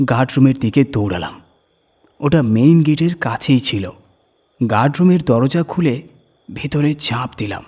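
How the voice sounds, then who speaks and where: In a husky, medium-pitched, slightly mellow voice, a man narrates a frightening first-person tale, phrasing things deliberately to build suspense and leaning on dramatic emphasis.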